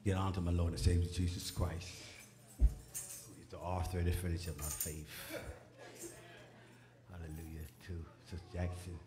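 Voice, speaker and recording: A man speaking in a church sanctuary, exhorting the congregation in a folksy, call-and-response manner that rises toward shouting. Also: low-pitched. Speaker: preacher.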